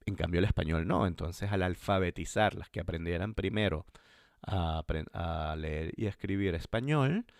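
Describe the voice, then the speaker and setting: Deep gravelly man, dry sound. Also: darkish tone, dry recording. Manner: thoughtful, explaining, often pauses on fillers. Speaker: expat father sharing his experience. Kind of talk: casual conversational storytelling.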